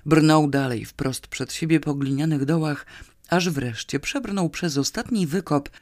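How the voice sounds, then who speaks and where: Audiobook reader, unhurried and expressive, dry close sound. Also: medium pitch, dry recording. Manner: slow, measured, expressive reading. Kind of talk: audiobook narration.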